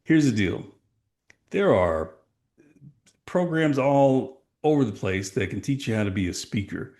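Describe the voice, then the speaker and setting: Medium in pitch and darkish in tone, this man talks a little slowly with lively intonation. A middle-aged Texas sales coach, he gives emphatic, motivating answers on a podcast interview and leans on rhetorical questions.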